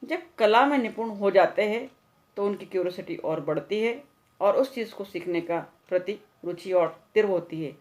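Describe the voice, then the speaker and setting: A woman's voice: mid-range voice, normal speed, a little mellow. A woman teacher lecturing trainee teachers, explaining each point and repeating key ideas with English terms mixed in. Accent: Indian Hindi. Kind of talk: Hindi classroom lecture.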